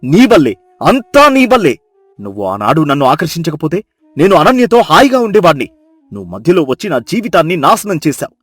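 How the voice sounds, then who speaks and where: A man voicing a bitter young husband in an animated storybook, shouting his contempt. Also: on the high side, brisk, no room sound, heavily acted. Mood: furious. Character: furious bitter young husband, scornful and cruel.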